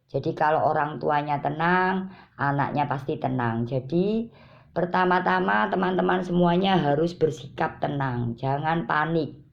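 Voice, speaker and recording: A woman giving parenting advice in a calm, repetitive way, speaking directly to her viewers. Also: low voice, unhurried, gravelly. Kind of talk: informal advice talk to parents. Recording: dull lo-fi recording.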